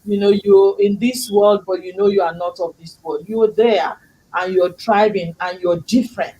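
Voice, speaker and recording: On poor audio, a middle-aged woman hosts a casual talk show in English, which is not her first language, sounding effusive, faith-filled and preachy. Her mid-range voice is steady, mellow and husky, moving at a moderate pace.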